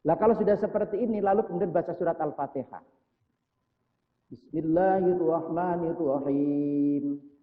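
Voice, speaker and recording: A man's voice: high voice, racing, hardly any pauses. Preacher, man, mosque sermon; chants prayer lines then explains them; thin phone-like sound. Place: mosque hall. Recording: echoey mosque hall over tinny phone-like sound.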